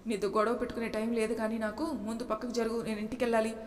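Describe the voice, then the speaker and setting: A woman's voice: on the high side, flat delivery, fast talker, natural voice. A woman voicing a feisty young wife who answers back boldly, in a storybook reading. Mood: cheeky. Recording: echoey room with long reverb.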